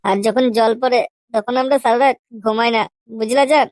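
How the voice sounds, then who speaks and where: A woman's voice: fairly high pitch, fairly even intonation, brisk, a little mellow, dry recording, shouting, close to an everyday voice. A woman voicing a crude, pushy young boyfriend in a comedy cartoon, using coarse slang and a wheedling, teasing manner. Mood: pleading.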